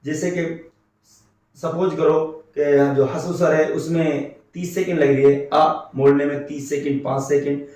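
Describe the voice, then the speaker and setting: A man's voice: fairly high pitch, fairly even intonation, a little slow, darkish tone. A man teaching a grammar class, repeating key terms and asking his students rhetorical questions. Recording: very echoey room, mic set far off.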